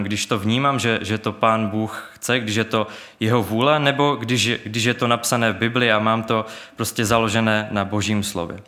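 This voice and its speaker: Chlap co káže, jasnej hlas, dost se zasekává a opravuje. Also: male voice, medium pitch, bright, forceful tone. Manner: earnest, hesitant with many restarts and fillers; reads Bible verses aloud. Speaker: preacher. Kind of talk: sermon.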